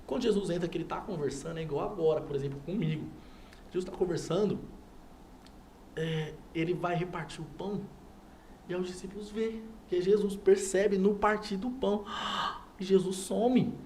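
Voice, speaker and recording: A man's voice: high-pitched, normal speed, a little mellow, a little hiss or hum. A man, a guest on a TV talk show, telling a personal faith story and acting out everyone's lines. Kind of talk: animated personal testimony. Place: TV studio.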